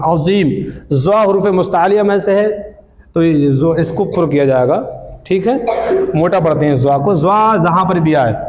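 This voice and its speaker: Man, high voice, tinged teacher, long reverb on the recording. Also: darkish tone. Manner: patient, asks questions and answers them himself. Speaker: Quran reading teacher. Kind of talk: recitation lesson.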